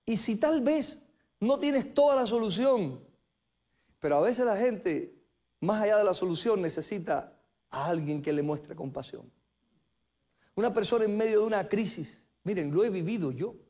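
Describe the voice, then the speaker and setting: A middle-aged male pastor preaching a sermon in a church, earnest, repeating phrases and slowing down to stress his points. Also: high-pitched, lively intonation, dark tone. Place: church sanctuary.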